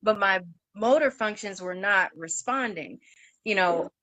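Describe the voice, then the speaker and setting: A young woman in her twenties telling her story in an interview, halting, with fillers and restarts, and acting out what others said in a raised voice. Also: mid-range voice, sharp tone, dry recording. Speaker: guest sharing her story.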